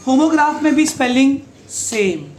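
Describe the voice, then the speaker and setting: A man's voice: extremely high pitch, animated, normal speed. Male teacher quizzing a class. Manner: quizzes pupils, mixes English lines into Hindi, keeps asking "समझा?". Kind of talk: classroom grammar lesson. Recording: echoey classroom, faint noise.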